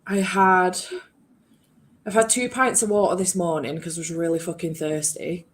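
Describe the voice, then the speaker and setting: Low-voiced British woman, under the weather. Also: fairly even intonation, normal speed, slightly rough. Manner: informal, sweary, self-deprecating. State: feeling ill and run-down, with a cold. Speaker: guest on a readathon livestream. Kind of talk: casual chat. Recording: home livestream with faint background noise.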